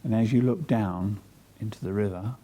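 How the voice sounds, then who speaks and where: Here a man leads a guided meditation, his delivery soft, breathy and calming. He keeps a measured rhythm, lets long pauses fall between phrases, and his pitch is on the low side.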